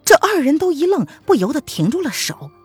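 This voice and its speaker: A woman narrating a martial-arts story in an expressive, dramatic storytelling manner. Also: sits high, fairly quick, soft background music.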